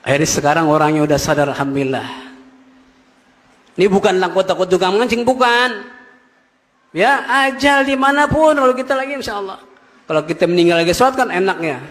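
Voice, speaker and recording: A man preaching a Friday sermon, telling stories with animated, emphatic rises. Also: a little high. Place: mosque. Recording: echoey hall.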